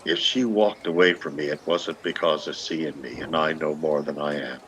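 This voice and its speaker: A man with an extremely low, steady, fairly bright voice speaks at a moderate pace over slight background noise. He's an actor in a radio play, portraying a lovestruck, shabby old Irish beggar who delivers long, rolling, poetic pleas. The lyrical performance carries a bitter, yearning mood.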